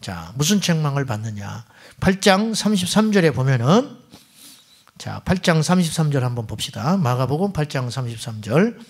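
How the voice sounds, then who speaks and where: A man's voice: on the high side, sing-song, moderate pace, husky. A middle-aged male pastor giving a Friday night sermon, firing rhetorical questions at the congregation and dropping at times to near whispers. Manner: swings between loud exclamations and near-whispered asides. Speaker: senior pastor.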